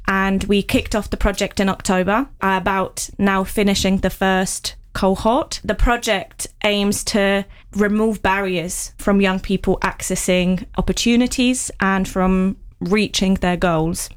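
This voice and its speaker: A woman speaking as a project coordinator, describing her work clearly and steadily. Her voice is smooth and resonant, at a middle pitch. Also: fairly even intonation, unhurried. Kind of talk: explanatory interview answers.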